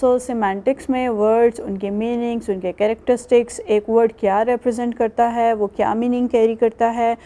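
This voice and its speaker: Middle-aged woman teaching a recorded class, slightly high pitch, switches between english terms and explanation. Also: level tone, few pauses, dark tone. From Pakistan. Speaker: university lecturer. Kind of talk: recorded distance-learning lecture.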